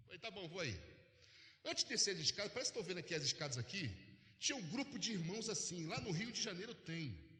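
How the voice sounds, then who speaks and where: A man's voice: high voice, sing-song, fast talker, a little hiss or hum. Dramatic preacher man in an echoing church. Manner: dramatic storyteller who acts out dialogue and builds to shouting. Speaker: pastor. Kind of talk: Pentecostal sermon with storytelling. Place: large church sanctuary. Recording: roomy echo with long hall reverb.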